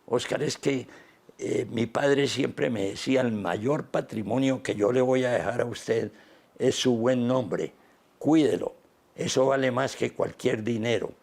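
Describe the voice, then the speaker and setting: A man, speaking as an interview guest in an unhurried, reflective way, pausing often. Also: mid-range voice, creaky, darkish tone. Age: 80s. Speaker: interview guest, business founder.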